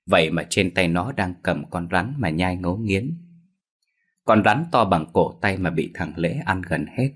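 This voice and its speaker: A man narrating a Vietnamese village ghost story in a steady, measured way. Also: sits low, breathy edge.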